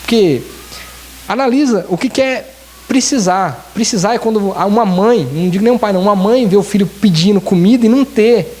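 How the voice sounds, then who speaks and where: A man's voice: high voice, fairly quick, warm tone. A man, a church elder, preaching a sermon and pleading earnestly with the congregation, often repeating key phrases. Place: church service in Japan.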